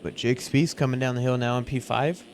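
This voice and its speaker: A man's voice: mid-range voice, steady tone, brisk, background noise. A man giving live motorsport race commentary in an informal, conversational play-by-play style.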